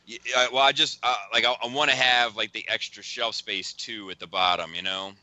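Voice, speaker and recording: A man's voice: fairly low pitch, steady tone, fairly quick, pushed and bright, no echo. A man hosting a podcast in casual chat, rambling through a funny story with lots of laughing and swearing. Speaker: podcast host.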